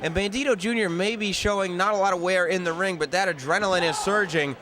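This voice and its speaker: A man's voice: sits high, quick pace. A man giving color commentary on live wrestling, with conversational, analytical asides. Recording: noisy live event background.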